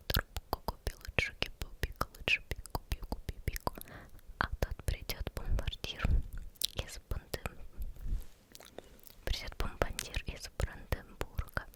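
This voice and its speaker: This is a hushed ASMR performer reading tongue twisters entirely in a whisper. The delivery trips over hard words and goes back to repeat syllables and phrases. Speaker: ASMR creator.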